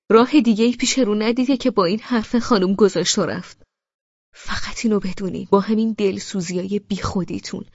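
A woman narrator voicing a furious young man who shouts scornful, sarcastic rebukes at his sister. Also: mid-range voice, no echo, lightly acted. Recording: dry, slightly dull studio audio.

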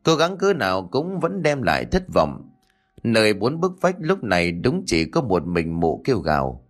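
A man's voice: lowish voice, wildly swooping pitch, normal speed, faint music behind. A man narrating a spooky audiobook story, now and then voicing the characters' quoted lines. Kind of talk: scripted horror story narration.

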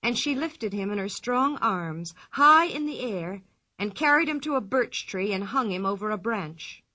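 Bright-voiced woman reading a storybook. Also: mid-range voice. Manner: clear, expressive, measured storytelling. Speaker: narrator.

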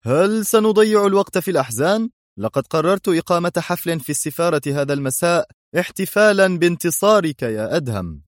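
A man voicing a jovial older ambassador in an audiobook, raising his pitch and energy. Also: animated, brisk, dry recording, studio quality, natural voice. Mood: forced cheer. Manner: hearty and cheerful.

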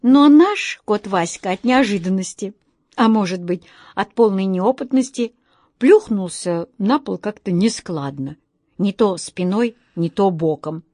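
A woman narrating a children's audiobook in a slow, expressive storytelling manner. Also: medium pitch, dry recording, clean studio sound.

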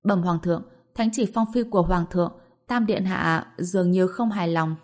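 A woman voicing a timid, deferential old male palace eunuch in his sixties, hurried in his report. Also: on the low side, darkish tone, close to an everyday voice.

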